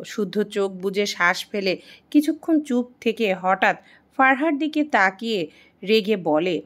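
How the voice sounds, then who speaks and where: A woman narrating a romance story in a calm, even reading voice, reading the characters' lines lightly. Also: medium pitch.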